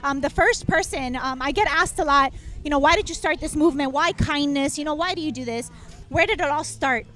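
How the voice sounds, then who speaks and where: A woman's voice: high voice, a little fast. A woman in her thirties, a guest on a talk show who founded a kindness movement, tells a heartfelt story and acts out the quotes, near tears. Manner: warm, tearful, acts out quotes. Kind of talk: emotional storytelling interview.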